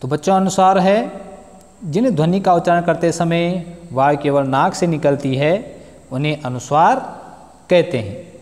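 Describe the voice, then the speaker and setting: Male teacher, slightly high voice, slow drawn-out recital of sounds, long reverb. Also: a little mellow. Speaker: school teacher. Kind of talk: grammar lesson explaining answers to students.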